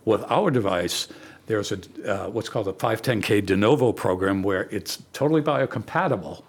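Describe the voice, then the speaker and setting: A man's voice: moderate pace, breathy edge. A man, a startup founder on a podcast, explaining his company in a casual, chatty way. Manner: explanatory, rises in pitch when animated.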